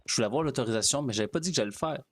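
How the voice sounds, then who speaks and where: A man, chatting casually as a streamer, rambling and halting. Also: medium pitch. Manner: rambling, halting, with restarts and fillers. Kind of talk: casual out-of-character chat while gaming.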